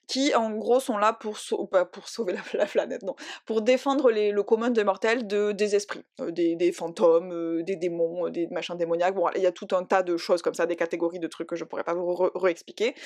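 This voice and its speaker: A young woman chatting casually about books she loved, rambling with lots of fillers and restarts. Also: mid-range voice. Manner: rambling, animated, many fillers and self-corrections, laughs often. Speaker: book vlogger. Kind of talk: casual chatty book review.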